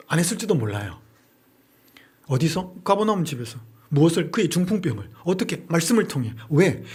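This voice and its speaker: Male pastor-lecturer, husky and somewhat high, runs rhetorical question-and-answer drills. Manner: asks and answers his own rhetorical questions. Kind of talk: Bible-study lecture.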